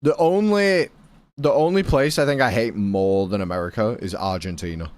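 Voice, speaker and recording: A British man chats to his live viewers while he plays, his voice sitting a little low. He rambles from one thought to the next, blunt and offhand, and swears freely. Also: normal speed, a little mellow, no echo, studio quality. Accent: British English. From Britain. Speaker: game streamer. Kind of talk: casual chat with live viewers.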